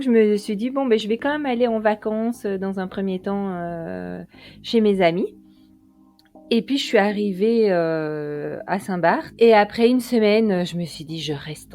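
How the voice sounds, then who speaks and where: A woman, a podcast guest telling her story casually with many pauses and fillers. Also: medium pitch. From Belgium. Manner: relaxed, hesitant, with many fillers. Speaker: interview guest.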